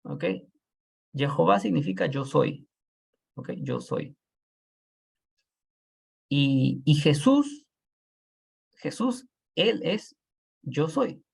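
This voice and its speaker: A man's voice: on the high side, very animated, extremely slow, creaky, pauses often, husky. A man teaching an online Bible class, who explains patiently and keeps checking in with his students.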